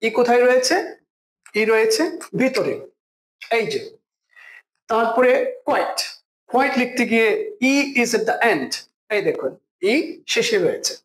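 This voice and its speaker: A teacher giving a vocabulary lesson at a board, slowly repeating example words and sentences for the class to follow. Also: medium pitch, sing-song, rough recording. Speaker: English teacher.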